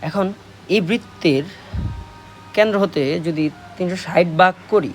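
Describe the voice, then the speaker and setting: Brief: male math tutor, Bangladeshi Bengali accent, slightly high voice, patient quiz-and-answer delivery, faint hiss. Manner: slow, repetitive, asks questions and answers them. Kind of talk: classroom lesson explaining at a board.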